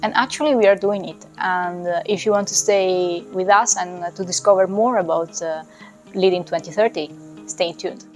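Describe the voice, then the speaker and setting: A woman, a project manager, talking to camera in a promo clip, pausing often on uh. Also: lowish voice, soft background music. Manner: fluent but with frequent uh fillers.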